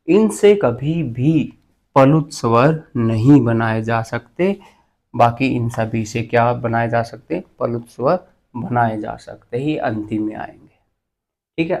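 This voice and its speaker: A male teacher giving an exam-prep grammar lesson, explaining slowly and asking and answering his own questions. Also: mid-range voice, a little mellow.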